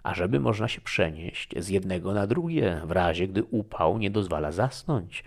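A man reading aloud voicing a young noblewoman who guides a guest through a palace, earnest and pleading, with a husky, gravelly voice raised higher than his own. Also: lively intonation, normal speed. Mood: explaining.

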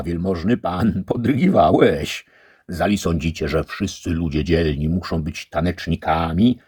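A man voicing an earthy, joking squire who teases loudly. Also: low voice, slightly rough, no echo, clean studio sound, pitched above the performer's own voice. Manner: loud, teasing, laughing.

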